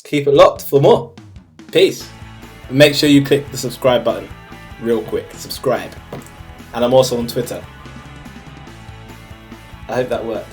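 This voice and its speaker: A man's voice: medium pitch, a little slow, long pauses, faint music behind. A young man chatting to camera in an upbeat, casual way and retelling a school story. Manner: upbeat, chatty, retells scenes with acted quotes. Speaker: vlogger.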